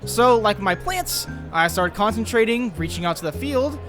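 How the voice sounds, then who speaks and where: In this acted comic dub, a man plays an earnest, eager, science-mad teenager who is anxious, brooding and prone to second-guessing himself in inner monologue. His high-pitched voice is animated and fairly bright at a moderate pace, with a long reverb tail and faint music underneath.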